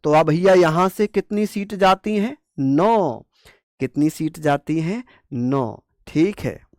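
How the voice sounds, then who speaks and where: Dry-voiced teacher drilling with call-and-response. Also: male voice, on the high side, lively intonation, takes it slowly, a little mellow, no echo. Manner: repeats questions and answers them himself in a call-and-response way; playful, jokey mnemonics with scolding asides. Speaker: exam-prep teacher. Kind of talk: online coaching class lesson.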